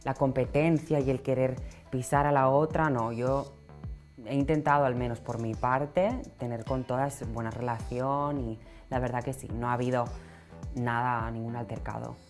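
A woman's voice: extremely low pitch, fairly even intonation, normal speed, darkish tone, faint music behind. A woman, answering interview questions earnestly and reflectively, recorded on a lapel mic in a small studio. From Catalonia, Spain. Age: 20s. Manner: earnest, reflective, repeats words when searching. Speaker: pageant winner guest. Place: small TV studio set, indoors.

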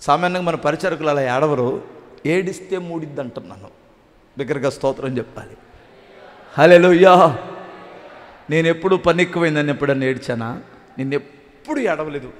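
A man preaching a sermon as pastor, with a Telugu accent from Andhra Pradesh, swinging between loud exhortation and quiet asides. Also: a little high, a little fast, pauses often. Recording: long hall reverb.

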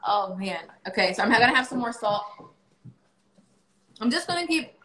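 This vlogger, a woman in her thirties, answers viewers' questions in a relaxed livestream from her kitchen, using lots of fillers. She speaks at normal speed in a highish, sharp voice with lively intonation, and the phone at the table captures a reverberant room.

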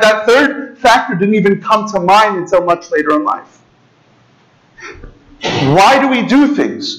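A priest in his thirties with a notably high voice preaches a sermon in a large church. He talks to the congregation as if chatting with friends, gesturing freely and often tossing in "right?" and "okay?" to keep them with him. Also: a bit bright, rough recording. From United States. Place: large ornate church, indoors, speaking to a seated congregation. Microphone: far camera, preacher standing at a lectern.

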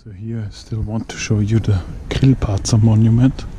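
A man guiding a walking tour, pointing out sights at a leisurely pace with frequent pauses. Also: fairly low pitch, steady tone. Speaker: city tour guide. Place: outdoors on city streets and squares. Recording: outdoor recording with traffic noise. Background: street ambience and passing traffic.

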